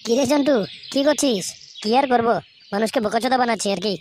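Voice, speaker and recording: Cartoon lead: voiced by a woman crude swindling milk seller, high, quick, noisy recording. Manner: fast crude cursing. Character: foul-mouthed scheming male milk seller. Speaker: cartoon voice performer.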